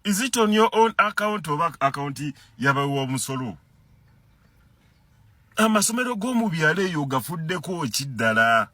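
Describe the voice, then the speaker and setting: Speaking at a moderate pace on a dry recording, this man has a voice on the higher side and a Ugandan accent. He's a concerned citizen launching into a fervent, animated political tirade, stumbling and repeating words whenever he gets worked up.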